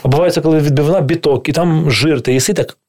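A man, a guest chef, chatting casually and telling lively stories, swearing freely and acting out the voices of people he quotes. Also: on the high side, fast. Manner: animated storyteller who swears freely and acts out quoted dialogue. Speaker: guest chef and TV cooking host. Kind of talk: casual podcast chat.

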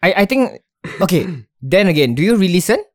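A man's voice: high-pitched, big pitch swings, a little fast. A young man with a Singaporean English accent, hosting a podcast in casual chat, talking loosely with slang and often laughing. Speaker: podcast host.

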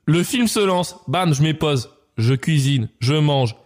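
A man's voice: a little high, animated, measured pace, a little mellow. A young man rambling through a story in casual podcast banter, full of fillers and restarts. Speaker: podcast co-host.

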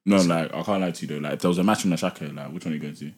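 A man's voice: sits low, racing, darkish tone, slightly rough. A young London-accented man hosting casual podcast banter, slangy and argumentative, full of questions. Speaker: podcast host.

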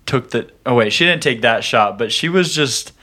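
Man, podcast co-host, casual chat, wry, laughs a lot, ordinary pitch. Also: animated, moderate pace, sharp tone. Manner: laughs often, wry complaints. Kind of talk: casual movie review chat.

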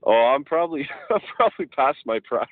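A man's voice: a little high, sing-song, brisk, breathy edge. A man about forty hosting a podcast, chummy and hesitant with many restarts. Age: 30s. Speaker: podcast host. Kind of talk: casual podcast chat. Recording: dry, tinny phone-like sound.

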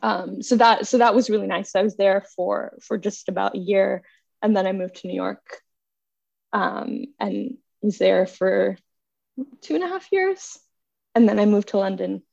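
A woman's voice: medium pitch, animated, a little slow, vocal fry, a little mellow, no room sound. A young woman from Bangladesh with an American accent, a podcast guest talking casually and laughing often. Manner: chatty, self-deprecating, laughs often. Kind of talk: casual chat. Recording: dull, dry sound.

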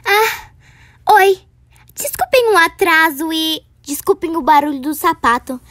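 A woman's voice: extremely high pitch, expressive, unhurried, a bit bright, no echo, studio quality, heavily acted. A woman playing a chatty, dramatic little girl who loves spooky tales, in a children's horror audio drama. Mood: theatrical.

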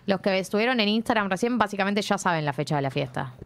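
An Argentine woman co-hosting an easygoing chat show. Her delivery is lively, full of teasing banter. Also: mid-range voice, quick pace. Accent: Argentine Spanish. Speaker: co-host. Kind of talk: casual chat.

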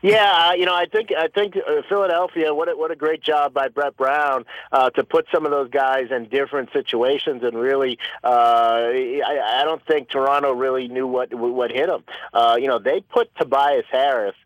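A basketball writer calling in by phone to a sports radio show, breaking down playoff matchups in a halting way full of fillers and restarts. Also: male voice, medium pitch, steady tone, no echo. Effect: over the phone. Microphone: telephone. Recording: dull lo-fi phone line.

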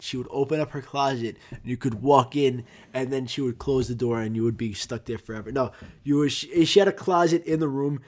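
A man's voice: mid-range voice, darkish tone. A man hosting a podcast, telling childhood stories in a rambling, profane, self-interrupting way. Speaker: podcast host. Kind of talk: casual comedic monologue.

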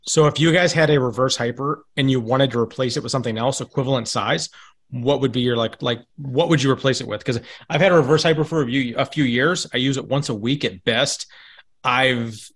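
A slightly tipsy man in a casual hobbyist chat, rambling and halting as he searches for words and swearing freely. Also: medium pitch, a bit bright. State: a little tipsy. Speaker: home gym roundtable panelist.

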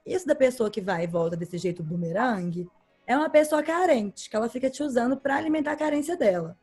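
A woman's voice: on the high side, lively intonation, fast, darkish tone, breathy edge, soft background music. A woman talking frankly and emphatically in a casual group chat.

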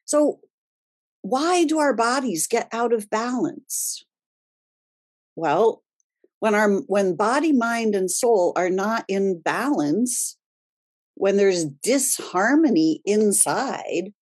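A woman host gives a spiritual self-help talk at a slow, deliberate pace, pausing for emphasis. Her voice is a little husky, and her pitch sits in the middle range. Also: expressive. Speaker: host of a wellness radio show.

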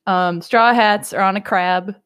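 A woman's voice: mid-range voice, fairly even intonation, unhurried, fairly bright tone, clear, resonant tone. A woman casually recapping an episode on a podcast, rambling with laughter and many restarts. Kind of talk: casual chat.

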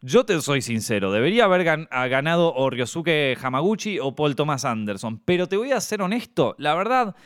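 A man with an Argentine accent hosting a casual film podcast, animated, swearing freely and drifting off-topic, on a close, dry mic. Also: a little high, normal speed, few pauses, dry recording. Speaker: podcast host.

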